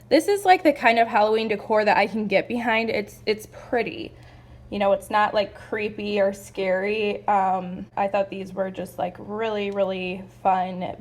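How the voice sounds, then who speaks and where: A young woman chatting excitedly through a home decor haul, gushing and a little out of breath. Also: mid-range voice. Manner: gushing, chatty, lots of "like" and "you guys". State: a bit out of breath. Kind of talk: casual haul video.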